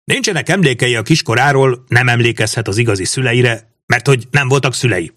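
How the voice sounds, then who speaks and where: A man voicing a scheming mage who lays out his plans in a measured, lecturing way, read as an audiobook. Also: medium pitch, lively intonation, a bit bright, dry recording, clean studio sound. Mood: cold, explaining. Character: scheming male mage, calm cold schemer. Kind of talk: audiobook reading.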